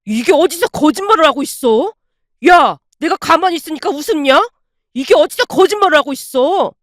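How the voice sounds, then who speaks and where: A woman playing a furious middle-aged ex-husband who shouts and accuses. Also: sits high, lively intonation, fairly quick, dry recording, clean studio sound. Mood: shouting.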